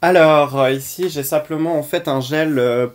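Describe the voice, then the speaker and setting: A man's voice: a little high, normal speed, darkish tone. A man giving a casual makeup product review as a vlogger, chatty and blunt with frequent hesitations. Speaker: beauty vlogger.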